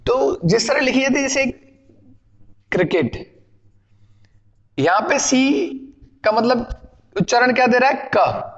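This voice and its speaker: Male language teacher, high voice, patient classroom delivery with self-answered questions, muffled reverberant recording. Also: measured pace, long pauses. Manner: explains patiently, asks and answers his own questions. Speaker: spoken English teacher. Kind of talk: classroom lesson.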